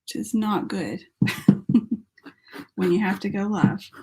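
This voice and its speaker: Losing her voice to a sore throat, a woman artist paints during a live tutorial, talking slowly and thinking aloud in a casual way. Her mid-range voice sounds dark and husky, and the recording quality is low.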